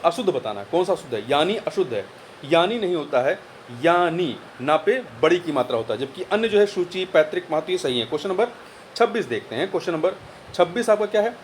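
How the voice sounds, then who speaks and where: A man's voice: high voice, a little hiss or hum. A man working through a Hindi spelling test as a tutor, repeating each word and spelling out the corrections. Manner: explains corrections by repeating words and spelling them out. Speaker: exam tutor. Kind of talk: exam answer walkthrough.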